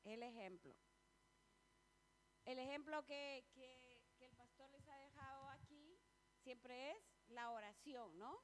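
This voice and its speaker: High-pitched woman preacher, conversational sermon, faint hum. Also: takes it slowly. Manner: chatty and personal, asks the congregation questions; laughs often between points. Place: church.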